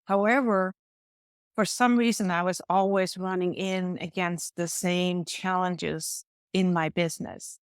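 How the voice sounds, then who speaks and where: A middle-aged Danish woman, appearing as an interview guest, explains her coaching work earnestly and emphatically in conversational answers. Her voice is lowish and clean, with fairly even intonation and a slightly slow pace. The studio sound is clean, with no room sound.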